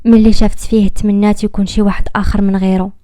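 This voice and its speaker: A woman with a Moroccan accent narrates a dramatic love story in a measured, theatrical way. Her voice is mellow and warm, and the recording is dry and close, with no room sound. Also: mid-range voice, level tone, dry recording. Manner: measured and dramatic, slowing at tense moments.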